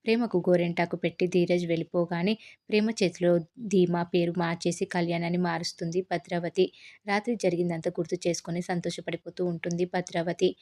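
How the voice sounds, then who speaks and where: A woman tells the story of a TV serial episode in a steady spoken recap. Her voice is low and holds an even, level tone throughout. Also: brisk. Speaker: narrator.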